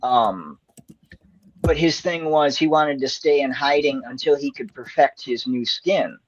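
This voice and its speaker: A man's voice: mid-range voice, unhurried, dry recording, muffled recording. A man on a casual movie review panel, easygoing, with many fillers. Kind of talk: casual live-stream chat.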